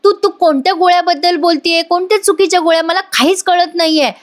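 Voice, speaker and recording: A woman's voice: extremely high pitch, fairly even intonation, fast, pitched above the performer's own voice. A woman reading the lines of a scheming young woman who pleads innocence in a flustered way. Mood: pleading.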